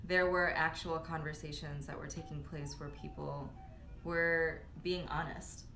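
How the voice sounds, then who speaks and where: A woman host with a somewhat low voice asks unhurried questions and backs her guest with steady affirmations. The sound is roomy and echoey, with a faint hiss behind it. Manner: supportive, frequent short affirmations. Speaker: podcast host. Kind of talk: casual conversational interview. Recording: echoey room with faint noise.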